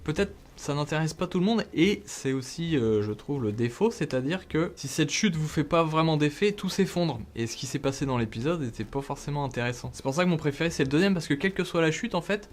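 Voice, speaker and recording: A man's voice: on the high side, brisk, hardly any pauses. A man from France giving a casual, joking spoken review of TV series, talking in slang and turning often to his viewers. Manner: animated, slangy and joking, with frequent asides to viewers.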